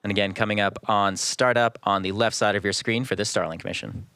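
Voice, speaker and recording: A man's voice: fairly low pitch, fairly even intonation, brisk, sharp tone, clear, resonant tone, no echo, studio quality. A man hosting a live launch webcast with composed, informative, explanatory commentary.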